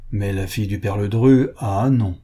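A man's voice: on the low side, normal speed, warm tone, husky. A man reading an audiobook voices an impertinent young aristocratic duke with a whistling hiss in his speech. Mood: insistent.

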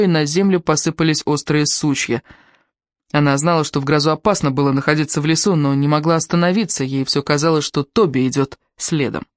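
An audiobook reader narrating a thriller in a tense, even manner. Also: mid-range voice, no echo, studio quality. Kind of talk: scripted narration.

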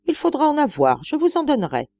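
A woman voicing an elderly gentleman who is fussy, obsessive and wheedling, speaking in a coaxing, repetitive way. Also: high-pitched, huge pitch swings, fairly quick, pitched above the performer's own voice, full character voice. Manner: coaxing, repetitive, rising to pleading.

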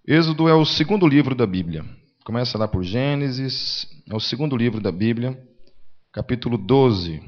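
A man preaching a lively sermon as a pastor, swinging between loud emphatic lines and quiet asides, with frequent tag questions. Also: moderate pace. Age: adult with a young son. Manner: conversational with frequent "né?" tags. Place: church meeting. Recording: dull low-fidelity sermon recording.

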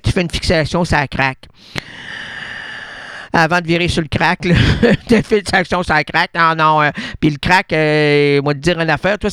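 A Québécois radio host from Quebec, with a clear, resonant, somewhat bright voice, rambles through an absurd comic monologue packed with wordplay, his pitch playfully jumping without warning. The studio-quality recording has no echo.

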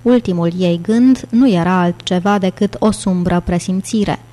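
Mellow woman narrating an audiobook. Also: on the low side.

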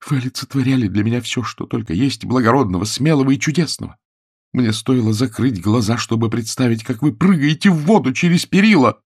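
A man reading aloud and voicing an upset young woman who speaks softly in a trembling, pleading voice. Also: mid-range voice, fairly quick, breathy edge, pitched above the performer's own voice. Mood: reproachful.

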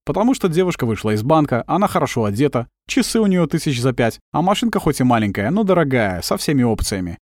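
A man's voice: medium pitch, big pitch swings, fast talker, few pauses, a little mellow, no echo, voice pushed up. A man voicing a confident, wry adult male agent who teases his partner in a dry way. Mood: confident teasing. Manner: dry teasing, self-assured.

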